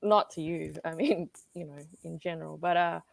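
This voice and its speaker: Guest writer, woman from Singapore: deep, heavy vocal fry, loose and filler-heavy delivery, dead dry sound. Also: fairly even intonation, moderate pace, no room sound. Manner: casual, many fillers, trailing asides. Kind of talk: conversational panel interview.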